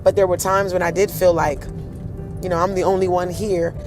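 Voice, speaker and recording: Speaking a little fast over music, a deep-voiced, husky woman hosts a laid-back outdoor storytelling tour. She animates her telling by acting out the voices of those she quotes.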